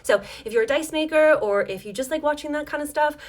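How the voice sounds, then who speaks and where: Here the dice maker's voice is high-pitched and quick as she hosts her casual home-desk livestream tutorial. She chats in a rambling, apologetic way, full of ums, while her voice gives out.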